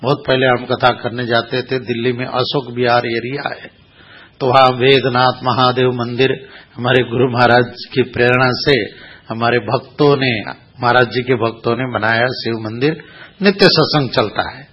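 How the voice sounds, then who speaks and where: A man's voice: mid-range voice, steady tone, normal speed, slightly rough. A man preaching a sermon, folksy and chatty, telling a story and mimicking how others speak for laughs. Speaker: religious storyteller. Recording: muffled lo-fi recording.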